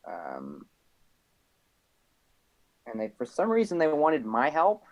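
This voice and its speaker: A man's voice: medium pitch, huge pitch swings, slow pace. A man playing a tabletop game on a live stream, talking in character with lots of hesitation and trailing off. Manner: hesitant, full of ums and trailing off. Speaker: player.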